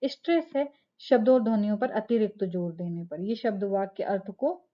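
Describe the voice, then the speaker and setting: A woman's voice: medium pitch, normal speed, muffled recording. A woman teacher giving a lecture, explaining step by step, asking rhetorical questions and checking in with "ठीक है". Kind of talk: classroom lecture.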